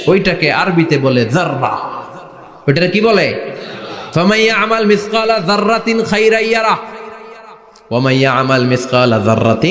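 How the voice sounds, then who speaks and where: A man preaching to a live crowd, questioning them and having them call answers back, chanting verses and singing slow devotional lines. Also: a little high. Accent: Bangladeshi Bengali. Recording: echoey hall, long reverb.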